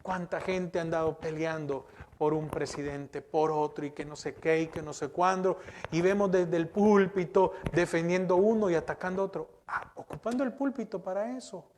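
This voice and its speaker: A man's voice: fairly high pitch, moderate pace, darkish tone, a little hiss or hum. A middle-aged man preaching a sermon as pastor, speaking emphatically and asking the congregation questions. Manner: emphatic, repeats words and restarts.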